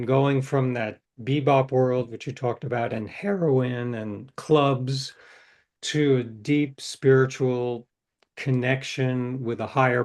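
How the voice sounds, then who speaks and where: A middle-aged novelist, a guest in an interview, speaks in a mid-range, darkish voice. He tells stories reflectively and conversationally, wandering from idea to idea, restarting and trailing off as he thinks.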